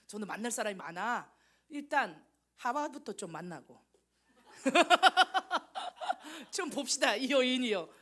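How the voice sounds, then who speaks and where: A woman missionary preaching a lively sermon to young people, telling the story with animation and teasing listeners by name. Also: on the high side.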